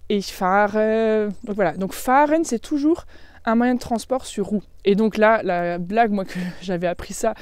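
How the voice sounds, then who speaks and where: A woman's voice: medium pitch, a little mellow, clean tone, no room sound. Chatty French woman teaching German. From France. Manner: chatty, slows right down to model German phrases. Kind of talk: casual online language lesson.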